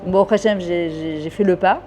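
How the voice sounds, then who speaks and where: A woman's voice: lowish voice, a little fast, a little mellow, faint music behind. A woman of about fifty from France, talking fervently and at length in an interview, dropping in Hebrew words. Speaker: interviewee, French immigrant. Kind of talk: casual interview talk.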